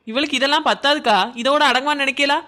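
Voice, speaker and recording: A woman's voice: high voice, fairly even intonation, quick pace, sharp tone. A woman voicing a quarrelsome village woman in a cartoon, harsh and threatening. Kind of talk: cartoon voice acting.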